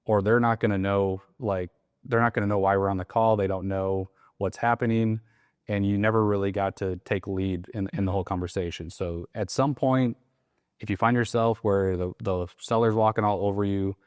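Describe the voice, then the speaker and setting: A man's voice: fairly low pitch, moderate pace, clear, resonant tone, no echo. A man casually explaining how to run sales calls, often acting out the lines he says on the phone. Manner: relaxed, acts out sales calls with quoted lines. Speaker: real estate wholesaling coach. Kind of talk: casual teaching conversation.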